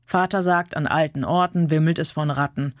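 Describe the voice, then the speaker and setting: A woman's voice: low voice, steady tone, normal speed, no echo, clean studio sound, close to an everyday voice. A woman voicing a sensible boy who speaks in a matter-of-fact, firm way, in an audiobook reading. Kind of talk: audiobook character voice.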